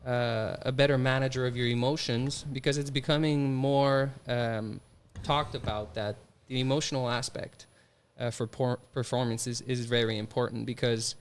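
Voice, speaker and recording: A man's voice: mid-range voice, little pitch movement, normal speed, few pauses, smooth. A French Canadian man with a Quebec accent, a hockey player answering interview questions in a thoughtful way. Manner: thoughtful, many restarts and fillers.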